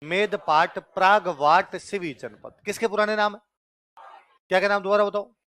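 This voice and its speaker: Rajasthani hindi teacher guy, highish clear voice, quizzing his class over and over, dry close sound. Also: normal speed, sharp tone, no room sound. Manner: repeats questions to the class, storytelling asides. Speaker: history teacher. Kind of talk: classroom lecture with call-and-response questions.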